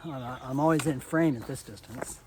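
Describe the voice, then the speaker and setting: Brief: winded male hiker, musing outdoor vlog, light background noise. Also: medium pitch. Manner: musing, halting, thinks aloud. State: out of breath. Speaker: hiker vlogger. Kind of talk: reflective vlog while walking. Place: outdoor forest trail. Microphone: camera on a selfie stick, held at arm's length and farther.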